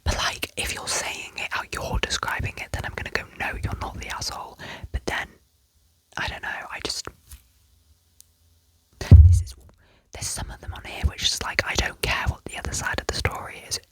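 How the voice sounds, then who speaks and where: A woman's voice: moderate pace, pauses often, rough recording. A woman in a whispered role-play as an ASMR judge, reading out posts with chatty asides and little self-corrections. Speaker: ASMR creator reading and judging online posts.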